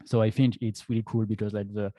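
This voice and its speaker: A man's voice: fairly low pitch, level tone, fast talker, warm tone, no room sound. A man with a French accent giving a casual presentation as an e-commerce founder, chatty, with frequent restarts and stammered repeats.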